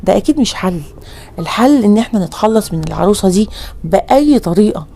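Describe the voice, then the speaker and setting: Casting: woman reading as a firm Egyptian dad, brisk and dark-toned. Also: mid-range voice, lively intonation. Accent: Egyptian Arabic. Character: worried, stern middle-aged father, head of family.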